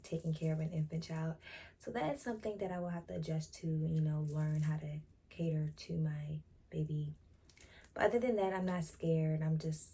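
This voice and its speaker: Low, gravelly teenage girl vlogger. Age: teens. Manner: relaxed, drawn-out, matter-of-fact. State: out of breath. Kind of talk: casual Q&A vlog.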